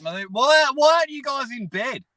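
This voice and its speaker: A man's voice: extremely high pitch, animated, normal speed, pushed and bright, no echo, studio quality. An Australian man with a blocked-nose sound, chatting casually from a car in a blunt, sweary, joking way. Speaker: guest, arm wrestling personality. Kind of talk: casual chat on a live stream. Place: sitting in a car.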